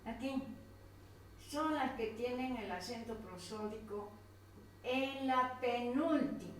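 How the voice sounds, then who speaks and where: Colombian lady teacher going slow over a worksheet, very echoey room, faint hiss. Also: fairly high pitch, recorded from a distance. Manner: patient, repeats and points at items on a page. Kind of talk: slow worksheet instruction to a pupil.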